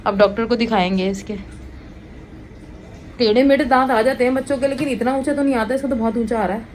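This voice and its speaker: A chatty mother in her thirties talks to her viewers at home, now and then turning to her children. Her voice sits a little high. Faint background noise runs under her. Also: fast, a little mellow, low-quality recording. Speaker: vlogger, mother. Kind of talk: casual home vlog chat.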